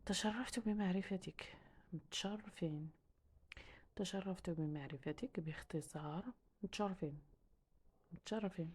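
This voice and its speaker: Husky, mellow-voiced woman teaching. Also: lowish voice. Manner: measured, repeats each phrase for learners. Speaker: language teacher. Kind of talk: language lesson, reading phrases and repeating them.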